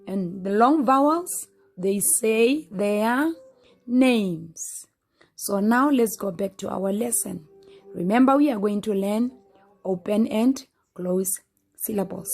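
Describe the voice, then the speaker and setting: A woman teaching a phonics lesson, slowly sounding out letters and repeating words. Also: mid-range voice, darkish tone. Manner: slow, patient, repeats sounds aloud.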